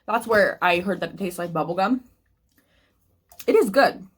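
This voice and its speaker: A woman book vlogger chats casually to the camera, thinking aloud with restarts and eating snacks between sentences. Her mid-range voice is husky and expressive, and she talks at a moderate pace.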